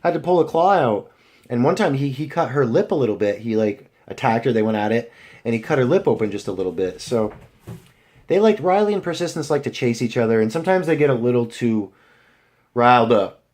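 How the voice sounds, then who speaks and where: A man's voice: mid-range voice, animated, brisk, a little mellow. A young man rambling casually to his viewers, full of fillers and restarts. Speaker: vlogger. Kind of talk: rambling casual vlog chat.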